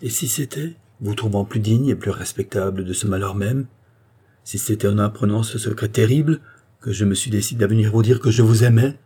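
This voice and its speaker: A man's voice: on the low side, a little fast, dark tone, slightly rough. A man voicing an ardent young nobleman declaring his love in an audiobook, tender and insistent. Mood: pleading. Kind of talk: audiobook reading of a novel.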